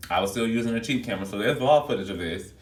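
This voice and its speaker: Man, lowish voice, casual talky vlog delivery, recorded on a phone video at a distance in an echoey room. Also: racing. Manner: chatty and expressive, addresses viewers as y'all. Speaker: flight attendant vlogger. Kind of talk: casual vlog chat to viewers.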